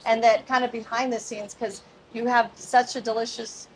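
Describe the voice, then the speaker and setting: A woman's voice: a little high, level tone, moderate pace, a little hiss or hum, rough recording. A woman hosting a casual interview and food tasting, upbeat and gushing as she talks. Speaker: host. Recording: music playing underneath.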